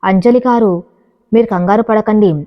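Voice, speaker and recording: A woman reading as a calm, probing doctor. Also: medium pitch, normal speed, close to an everyday voice. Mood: gentle. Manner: soft-spoken questioning. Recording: dull, reverberant recording.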